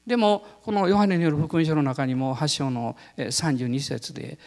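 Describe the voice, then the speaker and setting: A male pastor giving a sermon, telling a personal story in an animated way and laughing often. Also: fairly high pitch, moderate pace, big-room sound.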